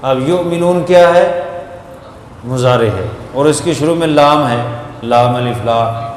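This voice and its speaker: A man's voice: medium pitch, slight background noise. Echoey man teaching Quran reading. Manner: explains grammar step by step, chants verses slowly.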